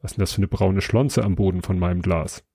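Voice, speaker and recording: A man's voice: sits low, steady tone, fast, mellow, husky, no echo, studio quality. A man voicing a drunken, cynical kangaroo at a bar, slurring and mocking in a read-aloud story. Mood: sardonic.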